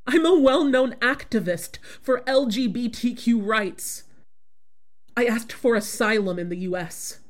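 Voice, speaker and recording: A woman's voice: on the high side, measured pace, lightly acted. Asylum-seeking activist from Uganda, acted by a woman. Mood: calm.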